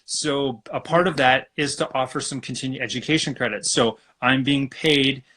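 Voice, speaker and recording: Man, from Alberta, guest acupuncturist, rambling casual talk, bright tense voice, video call. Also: medium pitch, normal speed. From Canada (Alberta). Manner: relaxed, rambling conversational. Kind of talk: casual live-stream interview.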